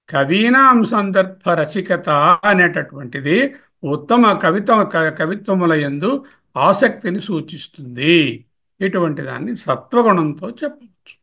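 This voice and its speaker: This man, a native Telugu speaker, has a high-pitched, gravelly, bright voice with a forceful tone. Lecturing on a Sanskrit hymn verse by verse, he slowly repeats and glosses each word, raising questions and answering them himself.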